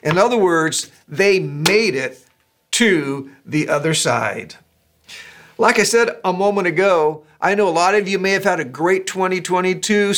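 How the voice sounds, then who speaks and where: An older man, a pastor, preaching a sermon in a conversational, animated way with quick asides. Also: high-pitched.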